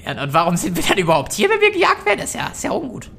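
A mouthy little summoned raven, rattling along in bright, wildly animated tones. It is brash and colloquial, a cheeky familiar in a tabletop game. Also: female voice, mid-range voice, very fast, gravelly, a little hiss or hum, full character voice. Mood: grumbling. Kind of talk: tabletop role-play acting.

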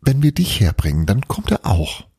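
Brief: a sheepish young witch woman, hesitant and wavering, husky tone, man voicing her. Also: fairly low pitch, very animated, moderate pace, warm tone, dry recording, studio quality, voice pushed up, heavily acted.

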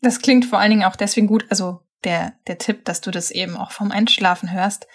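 A woman's voice: medium pitch, brisk. A woman co-hosting a podcast, chatting casually and responding to her partner in an agreeing, engaged way. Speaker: podcast co-host.

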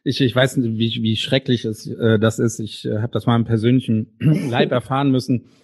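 A man co-hosting a casual podcast, talking quickly with some filler hesitations. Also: mid-range voice, steady tone, darkish tone, breathy edge.

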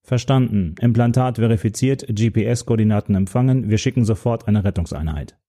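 A man voicing a brisk male emergency dispatcher with a formal, businesslike manner in a storybook. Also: fairly low pitch, dark tone.

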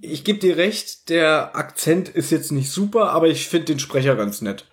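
A man's voice: on the high side, sing-song, moderate pace. A man co-hosting a podcast, chatting casually and jokingly with strong opinions about a radio play. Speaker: podcast co-host.

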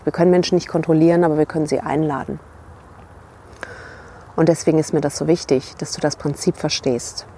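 A woman with a somewhat low voice coaches the listener in a calm, reflective way and often checks in with a quick tag question. She talks straight to camera outdoors by a river. Faint ambience hums behind her. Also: a little hiss or hum. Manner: reflective, addresses the viewer directly with tag questions. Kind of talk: motivational talk to camera.

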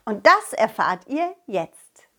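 A woman narrating a children's audio story in a playful, animated way, also speaking as the main character. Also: a little high, takes it slowly, a little hiss or hum.

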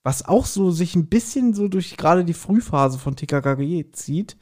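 Retelling an audio drama on a podcast he co-hosts, a man sums up the plot in a relaxed chat and performs snippets of the characters' lines with animation. His voice is high and his pace moderate.

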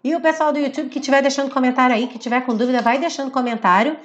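A woman teaching English in a live online class. She explains grammar patiently, checks in with her viewers often, and reads song lyrics slowly and deliberately. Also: high voice, muffled recording, a little hiss or hum. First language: Portuguese. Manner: explanatory, checks in with "certo?" and "tá bem?". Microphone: computer setup with phone beside.

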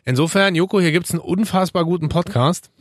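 Loud, jokey male podcast co-host. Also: high voice, brisk, dry recording. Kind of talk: casual chat.

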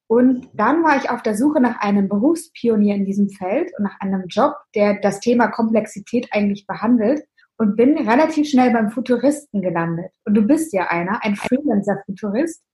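A woman's voice: on the high side, animated, normal speed, darkish tone, rough recording. A woman hosting a career podcast, introducing her guest and asking friendly questions. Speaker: podcast host. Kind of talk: podcast interview.

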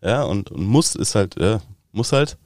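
Man, Bavarian accent, fairly low voice, lively anecdotes, dialect impressions, dry close sound. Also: measured pace, no echo. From Upper Bavaria, Germany. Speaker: actor guest. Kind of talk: casual interview chat.

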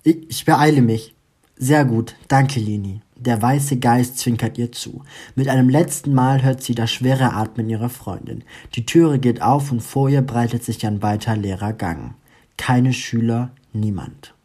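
Man reading a story, dark and husky. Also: mid-range voice, unhurried. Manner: expressive narration.

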